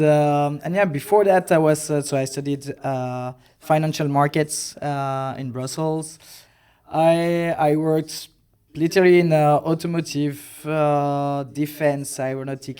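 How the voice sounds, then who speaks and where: A man in his thirties from Belgium, a podcast guest telling his story in a relaxed way, with hesitant fillers. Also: fairly high pitch, clear, resonant tone. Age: 30s. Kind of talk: casual interview chat.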